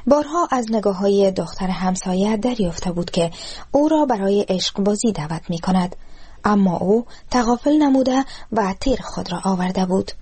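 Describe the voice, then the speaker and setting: A woman reading a literary short story aloud in a steady, measured way. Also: medium pitch, slightly rough. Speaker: narrator.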